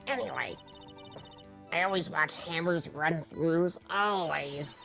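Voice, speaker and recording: A man's voice: fairly high pitch, slow pace, gravelly, pushed and bright, soft background music, exaggerated voice, rough recording. A man voicing a chatty, cranky old woman security guard in a playful video game dub. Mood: gossipy.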